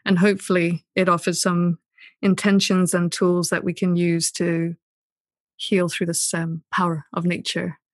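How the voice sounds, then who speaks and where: A woman from Southern Africa, a poet and author, answering interview questions in a thoughtful, gentle way. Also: lowish voice, level tone, unhurried, no echo. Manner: thoughtful, gentle, with many "sort of" hedges. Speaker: podcast guest, poet and author.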